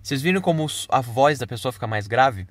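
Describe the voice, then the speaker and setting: A man's voice: medium pitch, animated, fairly quick. A man explaining video editing step by step in a casual screen-recorded tutorial.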